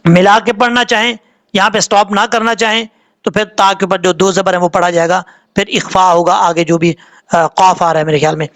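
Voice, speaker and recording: A man teaching a tajweed lesson in Urdu with a Pakistani accent, spelling words out sound by sound and chanting the verses in long drawn-out notes. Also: high-pitched, fairly even intonation, fairly bright tone. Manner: slow letter-by-letter drilling, drawn-out chanted recitation.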